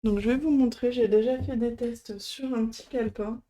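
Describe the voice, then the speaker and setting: A woman's voice: a little high, steady tone, moderate pace, warm tone. A woman hosting a casual product demo, speaking hesitantly with many fillers as she shows items one by one. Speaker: craft channel host.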